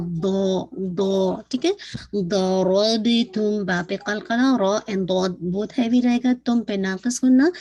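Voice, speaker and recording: A woman with a Pakistani accent teaching an online Quran recitation class, patiently explaining and drawing words out slowly, syllable by syllable. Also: medium pitch, darkish tone, a little hiss or hum.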